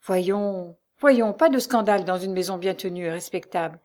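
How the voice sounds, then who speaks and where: A woman's voice: mid-range voice, moderate pace, darkish tone, natural voice. A woman voicing a brusque, rude male concierge who speaks in a dry, bossy tone. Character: curt, brutal male concierge, middle-aged.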